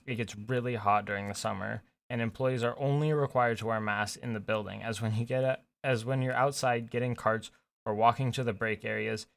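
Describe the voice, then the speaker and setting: A man's voice: fairly low pitch, gravelly, fairly bright tone. A young man telling a work story in a casual, chatty way, often restarting his sentences. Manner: chatty, with frequent restarts and fillers. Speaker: storytime vlogger.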